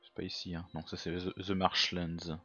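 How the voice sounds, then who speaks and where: Low-voiced man muttering through a strategy game. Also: completely flat delivery, moderate pace, sharp tone, breathy edge, lo-fi sound, soft background music. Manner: thinks aloud, muttering to himself; self-mocking. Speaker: let's play gamer. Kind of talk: casual game commentary.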